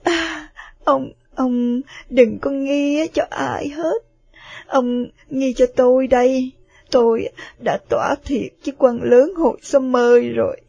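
A woman's voice: sits high, fairly even intonation, slow pace, dark tone, no echo, highs cut off. Woman doing a tearful pleading mother. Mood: desperate. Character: anguished middle-aged mother, wife of a district chief.

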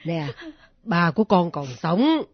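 A gruff elderly grandmother scolds in a low, husky voice. The radio drama sounds muffled and dry. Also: sing-song, slow, no room sound, exaggerated voice. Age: older.

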